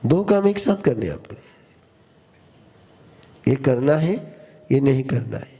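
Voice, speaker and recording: A man's voice: mid-range voice, lively intonation, gravelly, mellow. A man giving a sermon as a spiritual teacher, teaching in short repeated phrases and quizzing his listeners. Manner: slow, repetitive call-and-response teaching, quizzing listeners. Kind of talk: sermon to a live audience.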